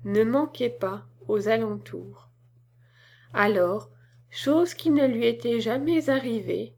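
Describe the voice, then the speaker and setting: A woman narrating an old storybook tale in a slow, measured audiobook reading. Her voice sits fairly high, and she lets each phrase settle before moving on. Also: darkish tone, husky.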